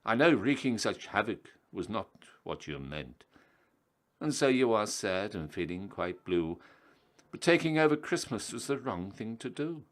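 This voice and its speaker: A man playing a kindly, gently admonishing old Santa Claus in a storybook, with a measured, paternal manner. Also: fairly low pitch, sing-song. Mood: gently reproving.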